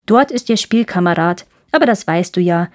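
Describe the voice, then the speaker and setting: A woman's voice: lowish voice, lively intonation, moderate pace, close to an everyday voice. A woman doing a bossy wild robber girl. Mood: blunt bossy. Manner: blunt, teasing, bossy.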